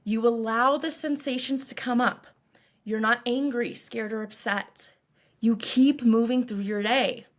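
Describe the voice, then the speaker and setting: With a voice on the high side, a female coach narrates a scripted guided meditation. Her delivery is calm and reassuring, instructive, and carefully phrased.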